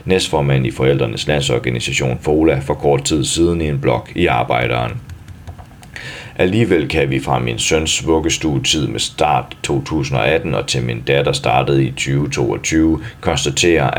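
A man reading a news article aloud in a steady, even way, even speaking the punctuation. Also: a bass voice.

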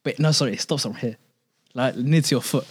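A man's voice: mid-range voice, fairly quick, breathy edge. A young man with a London roadman accent chatting casually in slangy, repetitive street talk. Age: young adult. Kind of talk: casual chat.

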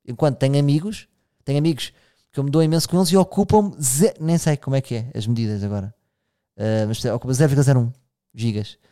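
A man's voice: medium pitch, quick pace, dark tone. A man in his thirties with a European Portuguese accent, hosting a podcast and musing aloud in a casual monologue, often restarting and speaking straight to his listeners. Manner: musing, frequent restarts, addresses listeners directly. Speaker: podcast host.

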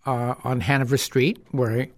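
A man's voice: medium pitch, flat delivery, no room sound. Reflective middle-aged man, radio guest. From United States. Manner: measured, reflective storytelling. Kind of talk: radio interview. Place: radio studio. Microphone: studio mic with headphones.

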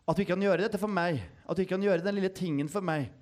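A man's voice: sits high, a little mellow, close to an everyday voice. Pleading tearful young woman, read by a man.

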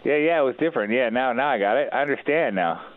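A man talking as a podcast guest in halting casual chat, full of fillers. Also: mid-range voice, animated, no echo. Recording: tinny phone line.

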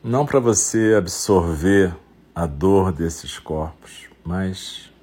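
Male meditation guide, Brazilian accent. Very low register, husky grain, very slow delivery broken into short phrases. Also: a little mellow. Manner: unhurried instruction in short phrases with long pauses.

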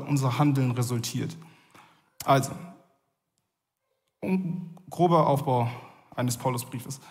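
A man giving a sermon in a casual, conversational way, often pausing with fillers. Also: a little high, in a large hall. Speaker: preacher.

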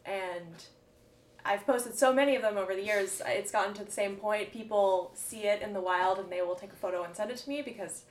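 Speaking fairly quickly at a medium pitch, a podcast host keeps the conversation casual and reflective, sprinkling in "um"s and soft laughs. The mic sits far off in a roomy space, catching faint background noise.

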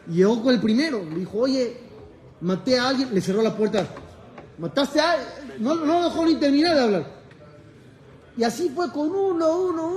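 A man teaching as a rabbi in a lively class, telling a story, acting out its dialogue and joking with his listeners. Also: extremely high pitch. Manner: animated, jokes with the audience, acts out dialogue. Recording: echoey room with audience.

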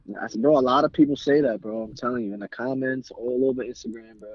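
A man's voice: mid-range voice, quick pace, dry recording, muffled recording. A young man in casual debate with friends, talking in laid-back, slangy bro talk. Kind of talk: casual hip-hop album debate.

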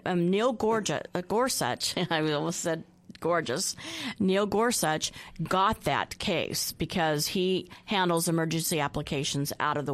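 A woman casually explaining legal news as a talk radio panelist. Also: on the low side.

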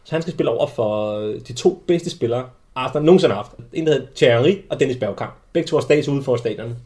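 A young adult man hosting a casual sports podcast, telling lively anecdotes with many restarts. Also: medium pitch. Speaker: podcast host. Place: small studio.

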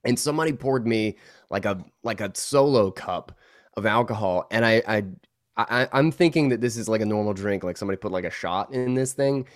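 A man appears as a podcast guest in a casual interview, congested as he recovers from an illness, rambling through stories full of fillers and laughter. His voice is lowish and fairly quick, captured with clean studio sound and no room sound.

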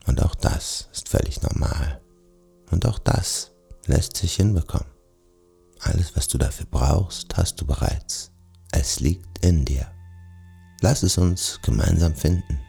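A man narrating a guided sleep meditation in a soothing, gentle manner, speaking softly and directly to the listener. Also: low voice, a little slow, vocal fry, husky, faint music behind.

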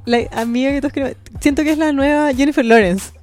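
A woman's voice: high voice, fast talker, darkish tone, faint music behind. A young Chilean woman co-hosting a casual pop culture chat, slangy and laughing often.

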